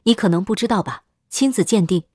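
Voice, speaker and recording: A bitter young woman, as a woman reader voices her, cold and accusing. She speaks in an ordinary mid-pitched voice for a narrated story. The sound is dry and close to the mic. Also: a little fast, a little mellow, slightly rough, no echo, close to an everyday voice.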